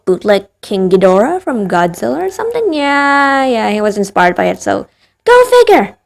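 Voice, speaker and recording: A woman narrating a ranking of game creatures, with wry, rambling asides in a voice she herself calls tired and dead. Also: high voice. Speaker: gaming video narrator. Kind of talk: scripted game ranking commentary.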